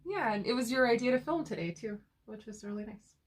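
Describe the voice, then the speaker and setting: Fairly high in pitch with a breathy edge, this woman talks a little fast and with lively intonation. She's a co-host on a casual couple chat channel, nursing a lingering cough with a cough drop in her mouth, laughing often and restarting her sentences.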